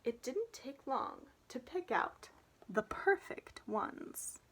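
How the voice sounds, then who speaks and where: A young woman reads a picture book to children, adding chatty asides as she goes. Her fairly high, slightly rough voice is very expressive, and she doesn't hurry.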